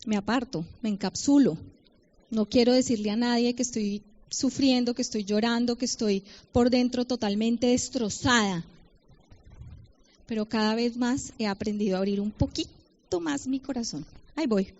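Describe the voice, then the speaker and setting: High-voiced Colombian woman preaching. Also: darkish tone. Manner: personal testimony with humor, reads Bible verses slowly. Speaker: women's ministry speaker. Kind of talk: sermon to a women's gathering. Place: conference hall. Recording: dull lo-fi event recording.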